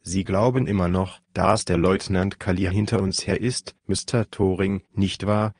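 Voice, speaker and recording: An obliging male companion who readily agrees, read by a man. The voice is very low and dry, with a willing tone. It sounds like an audiobook part. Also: steady tone, moderate pace, a little mellow, breathy edge, no room sound. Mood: agreeable.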